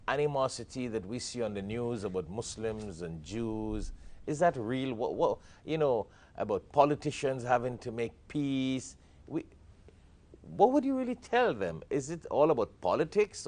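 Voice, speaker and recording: A man's voice: medium pitch, a little mellow. A man hosting an interview, asking long probing questions and interjecting with short affirmations. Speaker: interviewer, show host.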